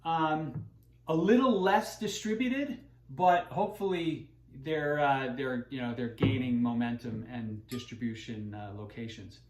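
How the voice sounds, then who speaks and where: A man's voice: mid-range voice, measured pace, a little mellow. A man hosting a wine channel, talking casually and rambling with many fillers and restarts. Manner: self-deprecating. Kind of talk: casual unscripted talk. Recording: roomy echoey room.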